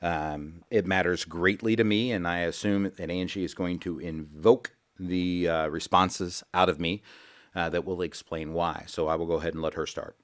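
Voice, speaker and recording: A man's low, steady voice moves at a moderate pace as he hosts a financial radio show in a studio. He speaks in a rambling, folksy way, repeating words, with casual radio chatter that doubles as a sales pitch.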